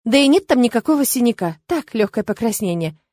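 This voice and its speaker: A woman voicing a young queen and mother who speaks softly and patiently, with light teasing. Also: on the high side, lively intonation, fairly quick, no room sound.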